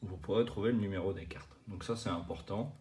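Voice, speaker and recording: A man's voice: sits low, quick pace, noisy background. A man hosting a video, casually explaining collecting terms while showing cards, with lots of fillers and restarts. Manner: chatty, many fillers and restarts. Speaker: card collecting channel host.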